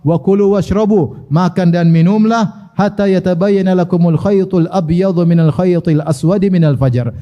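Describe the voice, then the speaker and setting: A man's voice: on the high side, lo-fi sound. A man giving a religious lesson, reciting Arabic passages, then translating them and acting out the dialogue with humor. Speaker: Islamic preacher.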